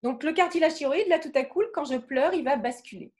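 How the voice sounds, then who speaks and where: A French woman giving a lively talk on the voice, acting out emotions with sudden vocal bursts and often checking in with her audience. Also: high voice, fairly quick. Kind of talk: lively spoken lecture with demonstrations.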